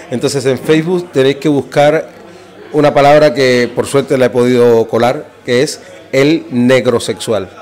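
A man's voice: mid-range voice, fairly even intonation, unhurried, darkish tone. A man from Cuba with a Cuban Spanish accent, a singer-songwriter interviewed in a small café venue, talking in a chatty, easygoing way into a handheld mic. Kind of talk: casual interview.

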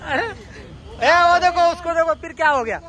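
A man vlogging casually on a phone camera around his office, hurrying people along excitedly. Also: extremely high pitch. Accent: Mumbai Hindi. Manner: excited, hurried urging. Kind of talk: casual vlog chat. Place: office building and street, crowded. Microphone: handheld phone camera. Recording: busy crowd noise behind.

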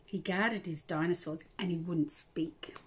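A woman's voice: on the low side, steady tone, measured pace, a little hiss or hum. An older woman reading a picture book aloud to children, stopping to talk about the pictures. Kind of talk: storybook read-aloud to children.

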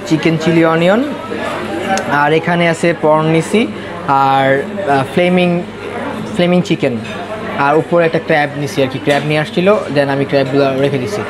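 Young male food vlogger, high and chatty, loud diner crowd behind. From Bangladesh. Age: young adult. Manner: chatty, lists dishes, jokes with friends. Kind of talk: casual food vlog. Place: busy indoor buffet restaurant. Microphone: handheld camera.

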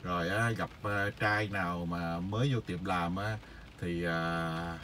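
A middle-aged man, telling stories in a casual, rambling monologue full of hesitant filler pauses. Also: low-pitched, steady tone, a bit bright, slight background noise. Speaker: vlogger sharing stories.

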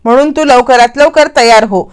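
A woman's voice: a little high, moderate pace, smooth, close to an everyday voice. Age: young. Figure: a woman doing a sulky young husband. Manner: whiny, protesting complaints.

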